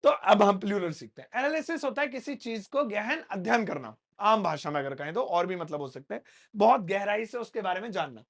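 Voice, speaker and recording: A man's voice: high voice, expressive, fairly quick. A man teaching an English grammar lesson in a classroom, explaining in a playful way with joking asides to his students. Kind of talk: spoken English lesson in Hindi.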